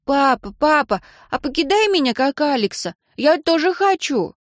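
A woman reading an audiobook and voicing a cheeky little girl who speaks high and childlike. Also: very animated, moderate pace, no echo, studio quality. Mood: pleading.

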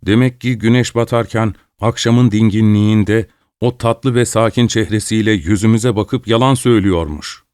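A man narrates a literary story in a low, resonant, clean voice, measured and dramatic, raising it when he quotes other people. He is recorded on a close studio mic with a dry sound and no room echo. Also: a little mellow, clear, resonant tone. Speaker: audiobook narrator.

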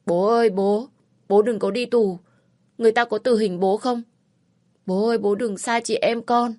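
A woman's voice: steady tone, normal speed, dry recording, studio quality, natural voice. A woman voicing a young boy, a tearful little brother pleading, in a storybook reading. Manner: high, loud crying pleas.

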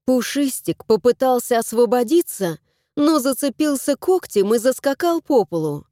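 A woman narrating a children's story in a measured, expressive reading. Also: fairly high pitch, dry recording, clean studio sound.

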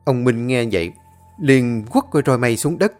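A man reading a ghost story aloud in a steady, measured way. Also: mid-range voice, faint music behind. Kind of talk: scripted ghost story narration.

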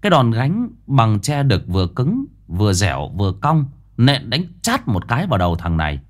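A man reading a ghost story aloud in a dramatic, expressive storytelling style. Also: mid-range voice, moderate pace. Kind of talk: storytelling narration.

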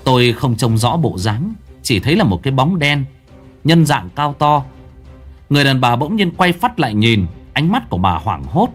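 A man's voice: mid-range voice, big pitch swings, normal speed, breathy edge, soft background music. A man narrating a ghost story aloud in a dramatic storytelling manner.

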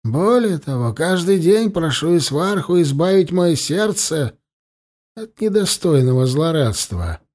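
A man's voice: a little high, big pitch swings, unhurried, darkish tone. A man voicing a stern, cold, self-righteous male priest who acts as torturer. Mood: cold, contemptuous. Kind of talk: audiobook character voice.

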